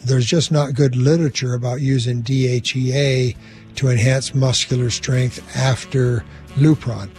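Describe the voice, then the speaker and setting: A man's voice: medium pitch, steady tone, a little slow, darkish tone, soft background music. A man hosting a medical call-in show, giving plainspoken advice step by step. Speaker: doctor and radio host.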